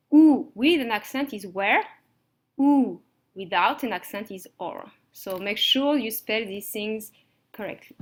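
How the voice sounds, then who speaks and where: A woman teaching a language lesson from slides, explaining step by step and checking understanding with "okay?". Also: a little high. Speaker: French teacher.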